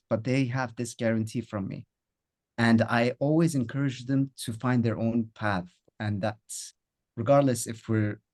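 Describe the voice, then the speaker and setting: A father speaking as a podcast guest, earnest and thoughtful, often pausing and restarting his sentences. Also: medium pitch, darkish tone. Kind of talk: reflective podcast conversation.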